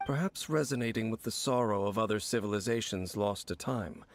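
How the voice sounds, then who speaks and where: A grave gravelly swordsman. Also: lowish voice. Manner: grave, measured, lore-telling. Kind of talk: game cutscene dialogue. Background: game music.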